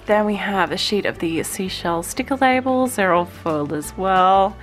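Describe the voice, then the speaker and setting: Faint music plays behind a woman who chats casually while unboxing a stationery subscription box, cooing at small finds. A cold makes her slightly nasal, and her medium-pitched voice is expressive at a normal pace.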